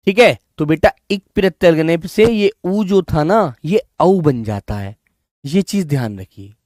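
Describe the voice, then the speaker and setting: A man teaching a Hindi spelling class online, coaxing students and repeating words slowly. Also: a little high, lively intonation, a little mellow, no room sound, clean studio sound.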